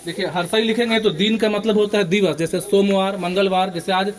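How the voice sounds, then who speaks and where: A man's voice: high-pitched, fairly even intonation, brisk. A male schoolteacher, leading a morning assembly lesson and quizzing students for chorus answers. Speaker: school teacher. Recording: children's crowd audible behind.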